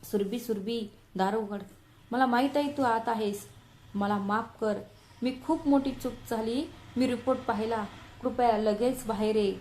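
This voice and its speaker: A woman voicing a stubborn young husband who shouts and then pleads, in a storybook reading. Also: a little high, unhurried, slight background noise, close to an everyday voice. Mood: pleading. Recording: roomy echo.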